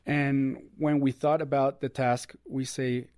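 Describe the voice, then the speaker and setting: A man in his thirties, guesting on an interview. He talks in an earnest, upbeat way at a middling pitch. The recording is dry and close. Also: little pitch movement, measured pace, darkish tone, no echo. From Costa Rica. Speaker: guest, ministry producer. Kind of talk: casual interview.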